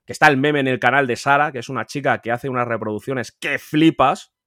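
A man from Spain with a Spain Spanish accent, a collector guest talking casually on a podcast, emphatic and animated, repeating words and swearing freely. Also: fairly quick, dry recording, studio quality. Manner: animated, pitch jumping up when insisting. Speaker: guest, video game collector.

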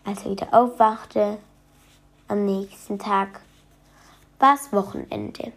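A woman reading a children's bedtime story aloud, softly, sometimes dropping to a whisper for suspense. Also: mid-range voice, fairly even intonation, takes it slowly. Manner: soft, at times whispered for suspense.

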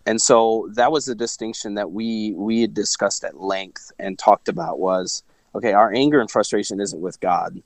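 A man's voice: fairly low pitch, normal speed, gravelly, no room sound. A man from Missouri speaking as an interview guest, reflective and rambling with many fillers and restarts. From Missouri, USA. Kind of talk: casual faith-based conversation.

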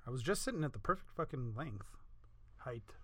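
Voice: medium pitch, sing-song, a little fast, bright, forceful tone. A podcast co-host in easy, casual chat who laughs often and swears freely. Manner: laid-back, swears a lot, laughs often.

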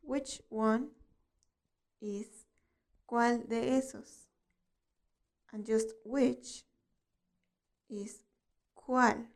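A woman hosting a podcast lesson, reading out phrases in two languages and repeating each one slowly for listeners to copy. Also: a little high, fairly even intonation. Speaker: language teacher and podcast host. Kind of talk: slow bilingual vocabulary lesson.

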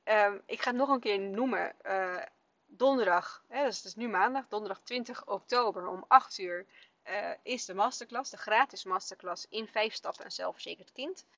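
A woman's voice: medium pitch, moderate pace, a bit bright, no room sound. A woman in her thirties hosting a parenting podcast, telling a story in a chatty way with many fillers. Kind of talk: casual spoken podcast monologue. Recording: dull, dry lo-fi sound.

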